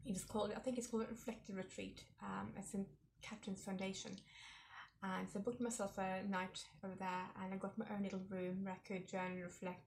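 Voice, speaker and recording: A woman in her forties hosts her own vlog, telling personal stories in a reflective, warm, chatty way with frequent fillers. Her voice is mid-range, and there's a little hiss or hum.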